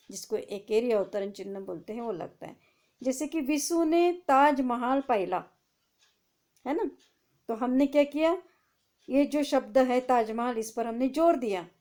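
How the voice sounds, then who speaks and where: A teacher explains a lesson to her pupils, reading sentences aloud slowly and then walking through them. Her voice sits a little high for a woman, with a soft, mellow tone. She often asks a question and answers it herself. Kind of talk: online class explanation.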